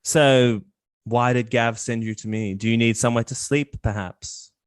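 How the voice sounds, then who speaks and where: A man voicing an arrogant male champion knight who talks with a slow, contemptuous drawl. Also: mid-range voice, steady tone, clean tone, no echo, studio quality, natural voice. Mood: sneering.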